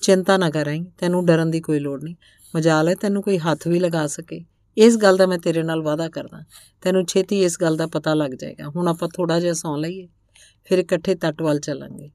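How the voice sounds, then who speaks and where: A woman voicing a calm, determined male traveller in a read-aloud story, speaking plainly. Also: deep voice, a little fast, dry recording, clean studio sound. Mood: reassuring.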